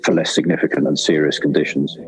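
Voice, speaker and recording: A man speaking for an ambulance service, giving a measured, official public safety statement. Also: extremely low pitch, flat delivery, soft background music.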